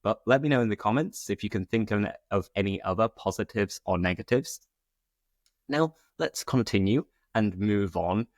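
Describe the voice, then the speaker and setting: British guy doing a chatty teaching podcast, lowish voice, really dry close sound. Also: expressive, normal speed, no room sound. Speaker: podcast host and English teacher. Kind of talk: conversational solo podcast with teaching asides.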